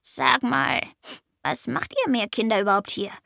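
A woman's voice: mid-range voice, big pitch swings, moderate pace, vocal fry, bright, forceful tone, dry recording, clean studio sound, heavily acted. A woman voicing a small, grumpy, boastful male goblin who curses and brags in a storybook reading. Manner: cursing, bragging, grumbling.

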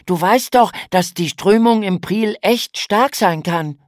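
A woman's voice: mid-range voice, slow pace, no echo, clean studio sound, voice pushed up, lightly acted. A woman voicing a cautious boy who warns his sister, in a raised, urgent voice. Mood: worried. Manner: worried, warning. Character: boy, cautious older brother.

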